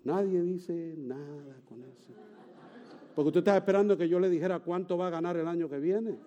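A male preacher with a high-pitched yet mellow, dark-toned voice. He preaches emphatically, rising to shouted declarations. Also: moderate pace, highs cut off. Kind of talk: sermon.

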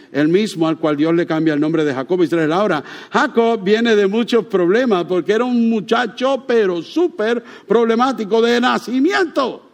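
A man preaching a sermon, emphatic, often asking the congregation rhetorical questions and drawing out key words slowly. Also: high-pitched, a little mellow.

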